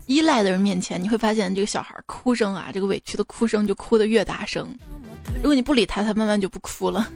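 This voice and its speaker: A woman's voice: medium pitch, gravelly, darkish tone. A woman radio host telling funny family anecdotes in a chatty, amused manner. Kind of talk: comic storytelling. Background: faint music.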